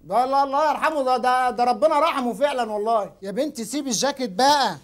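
A man's voice: extremely high pitch, rapid-fire. An Egyptian man caught in a prank, sounding bewildered and defensive. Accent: Egyptian Arabic. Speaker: prank victim.

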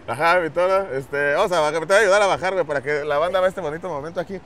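Mexican guy hyping up his buddy at the beach, high voice, teasing, tons of slang, faint street noise. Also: very fast. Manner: excitable, teasing, heavy slang. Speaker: co-host. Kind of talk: casual joking chat. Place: outdoors at a beach.

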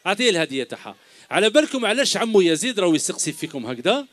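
Speaking very fast with big swings in his high, slightly bright voice and no echo, a middle-aged Algerian Arabic-accented man hosts a children's show on an outdoor stage. He teases a large crowd of kids with quiz questions over a handheld microphone, joking with them and calling them "my dears."

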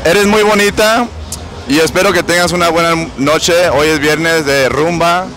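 A man, shy on camera but flattering, talking on a street at night. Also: on the high side, measured pace, low-quality recording. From San Francisco, California. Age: 30s. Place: busy street outdoors at night. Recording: loud music and crowd noise.

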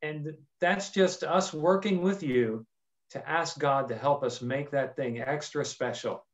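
A man's voice: fairly high pitch, measured pace. A middle-aged man, a priest, plainly explaining things for children on a video call. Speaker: priest, interview guest. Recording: slightly dull video-call audio.

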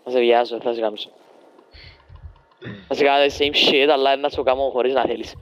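A young man with a Cypriot Greek accent, trash-talking excitably while gaming with friends. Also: mid-range voice, smooth, lo-fi sound. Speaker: gamer. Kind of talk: casual gaming chat.

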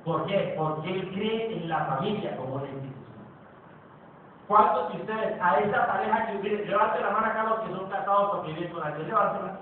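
A man's voice: high voice, brisk, a little hiss or hum. A Colombian man giving a joking motivational talk to a live audience, telling stories and asking the crowd questions. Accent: Colombian Spanish. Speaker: motivational speaker. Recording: distant, phone-like, echoey hall with audience.

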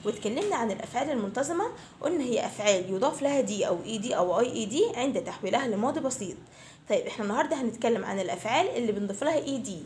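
A woman's voice: fairly high pitch, expressive, rapid-fire, darkish tone, slight background noise. A woman with an Egyptian Arabic accent, an English teacher giving a patient online lesson to schoolchildren. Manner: patient, addresses pupils affectionately. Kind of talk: YouTube lesson for children.

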